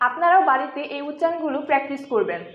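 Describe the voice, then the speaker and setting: A woman teaching English pronunciation in a scripted lesson, repeating each example word slowly and deliberately. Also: sits high, very animated. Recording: echoey room, dull lo-fi sound.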